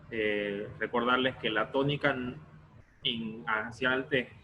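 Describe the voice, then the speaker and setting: A man's voice: mid-range voice, bright, forceful tone, a little hiss or hum, low-quality recording. A male teacher explaining a lesson step by step in an online class, often stopping to check that students follow.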